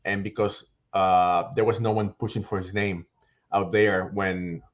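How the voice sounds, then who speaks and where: Puerto Rican man, low voice, headset call. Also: measured pace, dull audio. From Puerto Rico. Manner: animated, restarts phrases often. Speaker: guest, baseball writer and podcaster. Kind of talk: casual video-call interview. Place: small home room with shelves. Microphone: headset on video call.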